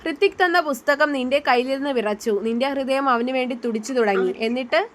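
A woman voicing a gentle, caring young man who speaks softly and reassuringly. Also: sits high, fast talker, a little hiss or hum, lightly acted. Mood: tender. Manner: soft reassuring.

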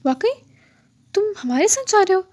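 A woman's voice: high-pitched, a little mellow. A woman voicing a chatty, friendly young woman who likes to boss others, speaking eagerly in an audiobook.

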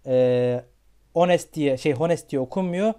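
A man's voice: fairly high pitch, moderate pace, dark tone. A man teaching beginner English pronunciation, asking questions and checking in with his students again and again. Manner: repeats questions and checks with "tamam mı".

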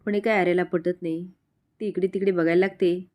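A woman's voice: fairly low pitch, fairly quick. Woman narrating a serial recap. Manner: steady storytelling, tags every quote. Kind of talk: narrated recap, voicing all characters.

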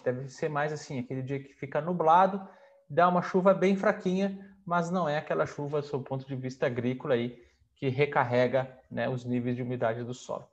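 A man in his thirties from Brazil, an agrometeorologist presenting the weather forecast over maps in a conversational way, speaking over a video call from a room at home. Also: fairly high pitch. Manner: conversational, with frequent pointing fillers.

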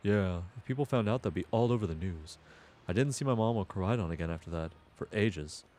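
A sullen teenage boy from a video game, acted out by a man. He speaks low and casually, with a reluctant edge to the read-aloud delivery. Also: expressive, brisk, darkish tone, a little hiss or hum, close to an everyday voice. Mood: wistful, resentful.

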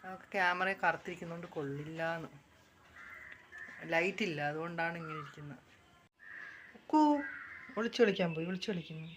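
A woman's voice: on the low side, steady tone, fast talker, a bit bright, slight background noise. A middle-aged woman chatting casually through her evening chores for a home vlog, explaining each step to viewers. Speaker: homemaker vlogger.

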